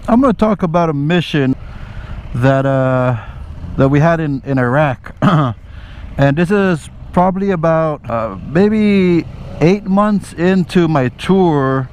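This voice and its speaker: With a somewhat high, expressive and a little mellow voice at a slow pace, this army veteran motovlogger rambles through stories to camera as he rides outdoors in traffic. He swears freely and keeps checking in with the listener, while the bike's engine and road traffic hum behind him.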